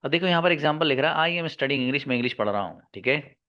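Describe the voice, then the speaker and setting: A man teaching English grammar in an online lesson, slowly repeating key words and answering his own questions for his students. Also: fairly high pitch, expressive, sharp tone, lo-fi sound. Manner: calls listeners "babu" and "my friend".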